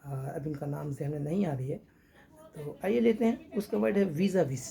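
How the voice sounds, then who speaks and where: A man with a gravelly, mellow voice gives a spoken English lesson in Hindi. He drills each phrase slowly and over and over, and spells words out letter by letter. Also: a little high. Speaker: English teacher.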